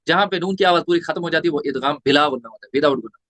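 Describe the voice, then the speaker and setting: A man's voice: fairly high pitch, racing, fairly bright tone, no room sound. A man teaching a tajweed lesson, spelling out letters and vowel marks one by one and asking and answering his own questions. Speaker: Quran recitation teacher.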